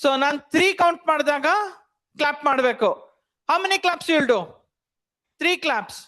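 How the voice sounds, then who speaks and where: A woman with a Kannada accent leads an audience through an exercise. Her voice is high and she talks quickly, flipping between languages as she gives short instructions and checking questions. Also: fairly bright tone. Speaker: event host leading audience icebreaker. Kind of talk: interactive audience exercise, mixing English and Kannada.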